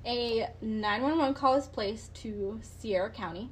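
A woman's voice: fairly high pitch, a little slow, a little hiss or hum. A woman hosting a casual true-crime podcast with friends, telling the case with dry sarcastic asides and laughs. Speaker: podcast host.

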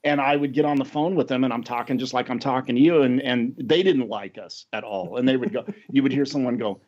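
A middle-aged American man hosts a casual podcast chat, rambling, chuckling and being a little self-deprecating. His voice is medium-pitched, darkish and a little fast, captured in dull lo-fi audio.

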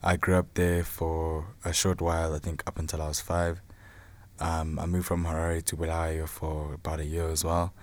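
A South African man in his twenties, from Zimbabwe and South Africa, talks casually about himself as a podcast guest; he's a film student and photographer. His voice is extremely low and monotone at a normal speed, with no echo.

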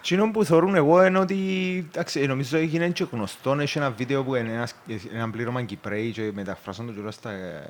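A man with a Cypriot Greek accent hosts a loose podcast conversation. He jokes along easily and acts out what people said as he tells a story. His voice sits at a middle pitch for a man. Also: few pauses. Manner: relaxed, joking, acts out quotes. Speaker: podcast host.

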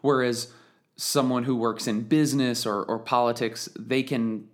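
A man with a mid-pitched voice co-hosts a relaxed chat show. He thinks out loud in long, looping sentences, with a jokey edge. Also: a little slow. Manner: thoughtful, rambling, jokey. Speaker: podcast co-host. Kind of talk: casual chat.

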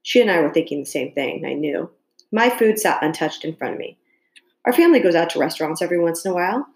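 A woman reading a novel aloud as an audiobook, narrating calmly in the first person. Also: on the low side, fast talker, vocal fry. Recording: echoey room.

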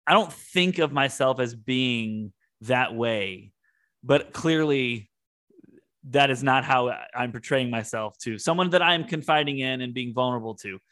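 A man's voice: medium pitch, measured pace, a bit bright. A man co-hosting a podcast, talking in an earnest, reflective way as he thinks aloud. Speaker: podcast co-host. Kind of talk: casual heartfelt conversation.

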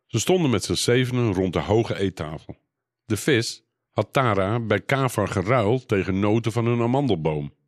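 Low-voiced male storybook narrator. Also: animated, normal speed, dry recording, studio quality.

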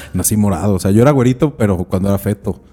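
A man's voice: lowish voice, warm tone, slightly rough. A man with a Mexican Spanish accent co-hosting a podcast, joking crudely and filling his talk with slang. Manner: joking, slangy, says güey constantly. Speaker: podcast co-host. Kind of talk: crude casual banter.

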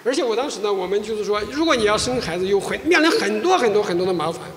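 A male pastor, sharing an animated personal testimony in a sermon, often restarting his sentences. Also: high voice, fast, crowd noise. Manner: animated storytelling, frequent restarts. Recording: echoey church hall.

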